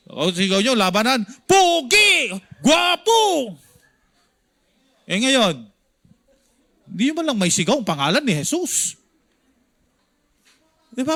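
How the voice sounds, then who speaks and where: A male pastor with a Filipino accent teaching a Sunday school sermon, animated and acting out the crowd's shouts, slipping English lines into his talk. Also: extremely high pitch.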